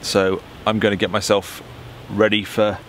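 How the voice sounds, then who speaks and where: Tired english bloke chatting to camera in the woods at night, lowish voice, a bit of rumble behind. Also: male voice, normal speed. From England. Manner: relaxed, self-deprecating, talks while working with his hands. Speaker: bushcraft vlogger. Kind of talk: casual narration to camera. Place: woodland at night, outdoors. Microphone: camera mic, close framing.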